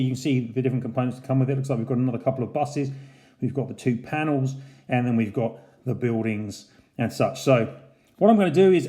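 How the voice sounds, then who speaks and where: In an echoey indoor space, a man with a mellow, mid-range voice hosts a relaxed unboxing review. As the channel's model airport reviewer, he explains things in a chatty, conversational manner.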